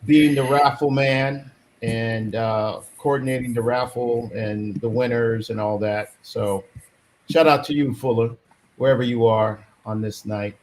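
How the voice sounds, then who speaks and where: A man's voice: mid-range voice, fairly even intonation, unhurried, darkish tone, slight background noise, rough recording. A man in his fifties hosting a casual, chatty group recap. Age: 50s. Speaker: host. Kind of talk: casual reunion recap chat.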